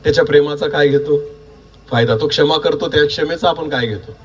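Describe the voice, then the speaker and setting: A man preaching a sermon, quizzing the congregation with repeated questions and building to shouts. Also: fairly high pitch, a little fast, husky, distant mic, muffled recording. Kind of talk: sermon with call-and-response.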